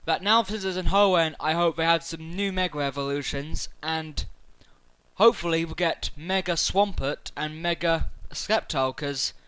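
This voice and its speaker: A man talking excitedly to camera about a video game, rambling through his theories with many fillers and restarts. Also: on the high side, moderate pace, smooth, dry recording, low-quality recording. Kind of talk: casual speculative chat to camera.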